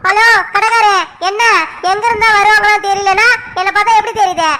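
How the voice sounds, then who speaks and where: A woman's voice: extremely high pitch, brisk, heavy background noise. A woman voicing a rude, impatient woman customer in a cartoon who pushes ahead in the queue. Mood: scornful. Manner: pushy, impatient, insulting. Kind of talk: cartoon voice acting.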